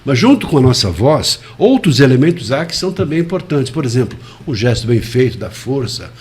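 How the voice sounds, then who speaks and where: A man speaking as a communication expert in a radio interview, with a pitch sitting mid-range for a man. He explains in a demonstrative way, letting his voice drop and rise to show what he means. His words come out carefully enunciated and deliberate. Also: big pitch swings, a little mellow. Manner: demonstrative, shifting volume and pitch to illustrate points.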